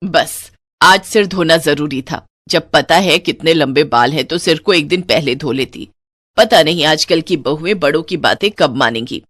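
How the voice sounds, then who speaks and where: A woman's voice: low-pitched, moderate pace, fairly bright tone, dry recording, clean studio sound, voice pushed down. A woman voicing a strict, old-fashioned elderly mother-in-law who talks in a stern, scolding way.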